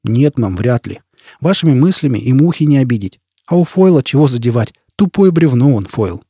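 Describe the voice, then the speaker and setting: A man playing a small, blunt male sergeant who speaks in a gruff, coarse, matter-of-fact way. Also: medium pitch, lively intonation, fairly quick, mellow, dry recording, clean studio sound.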